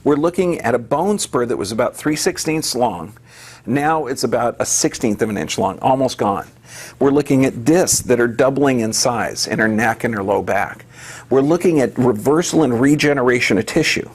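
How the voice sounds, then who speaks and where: A man's voice: mid-range voice, expressive, moderate pace, slightly rough. A man giving an emphatic health lecture to a live audience, firing off rhetorical questions and answering them himself.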